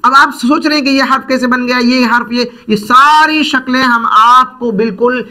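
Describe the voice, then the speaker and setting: A man's voice: very high voice, sharp tone. A man teaching Quran reading in a patient online lesson, asking questions and repeating letter sounds for the learner. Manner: stretches out Arabic letter sounds slowly.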